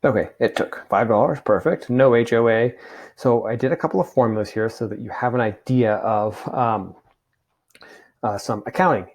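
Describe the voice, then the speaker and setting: A man teaching a course in a casual screen-recorded software tutorial, talking through each step with fillers, his voice worn from talking. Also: medium pitch, moderate pace. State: losing his voice. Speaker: course instructor.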